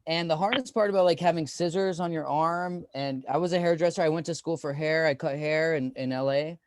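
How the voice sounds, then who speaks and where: Rambling stand-up comic, man, high-ish. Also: fairly quick, darkish tone, no room sound. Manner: rambling, filler-heavy, self-deprecating. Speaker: comedian. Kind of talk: stand-up comedy set.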